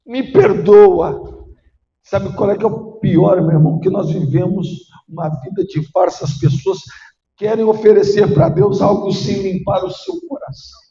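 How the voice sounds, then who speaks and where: High-voiced preaching man in an echoey church. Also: moderate pace. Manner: emotional, rising to shouted preaching. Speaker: pastor. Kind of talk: sermon. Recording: muffled echoey church hall.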